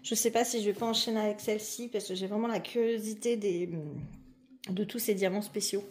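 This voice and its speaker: A woman's voice: medium pitch, steady tone, a little fast, darkish tone. A woman chatting casually and eagerly while she unboxes a craft kit, with many fillers and restarts. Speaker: diamond painting vlogger.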